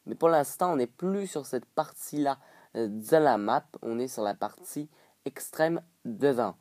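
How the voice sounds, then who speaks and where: A man's voice: medium pitch, animated, measured pace, a little mellow, dry recording, studio quality. A man giving casual gameplay commentary, rambling and jokey, full of hesitant fillers and silly put-on accents. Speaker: gaming video creator.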